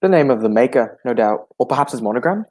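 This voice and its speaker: A man playing a genial older gentleman doctor in a 1940s-style radio drama, speaking in a hospitable, old-fashioned storytelling manner. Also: mid-range voice, expressive, fast, lightly acted. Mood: puzzled.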